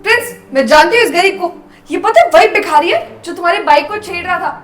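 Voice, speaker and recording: A woman's voice: very high voice, fast. A young woman acting in a scripted skit, talking in a scornful, scolding, arrogant way. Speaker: actress in a short drama.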